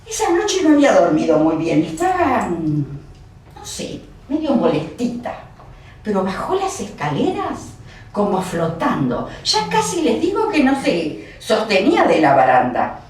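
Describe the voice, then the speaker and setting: A woman with an Argentine accent telling a story live to an audience, in an expressive, unhurried way. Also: medium pitch. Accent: Argentine Spanish. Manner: lively, expressive, slows for effect. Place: museum house room with audience. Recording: echoey room, distant mic, faint noise.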